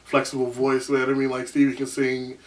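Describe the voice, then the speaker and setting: A man's voice: mid-range voice, completely flat delivery, fairly quick, recorded from a distance, noisy background. A man who sings and beatboxes in a band, chatting casually in an interview, laid-back and full of "man" and "you know". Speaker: singer and beatboxer in a band, guest.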